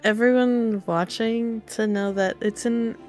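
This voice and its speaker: A woman's voice: on the high side, steady tone, darkish tone, soft background music. A woman playing in a tabletop game who talks casually and teases with a laugh. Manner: slow, laughing, teasing. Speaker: player.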